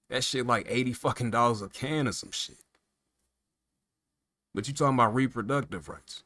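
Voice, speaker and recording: A man with a somewhat low voice vents in a heated, profanity-laced rant. He talks straight at the listener, piling on emphatic rhetorical questions. The recording is dry, with no room sound. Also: fairly bright tone, dry recording. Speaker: political commentator. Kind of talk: casual political rant.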